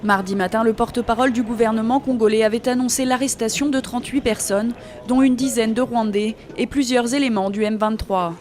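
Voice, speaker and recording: A woman narrating a scripted news report in a measured, even way. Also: a little high.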